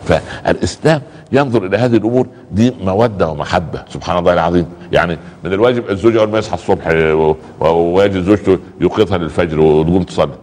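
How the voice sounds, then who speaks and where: Male preacher, Egyptian Arabic accent, rapid, chatty sermon delivery with pious interjections, long reverb around the voice. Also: low voice, darkish tone. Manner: conversational, repeats pious exclamations, acts out little dialogues. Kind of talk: colloquial religious talk.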